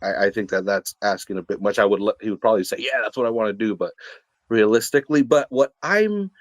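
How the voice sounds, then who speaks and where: A male podcast co-host in a casual sports chat, talking with an animated, excitable delivery. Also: lowish voice, fast talker, no room sound.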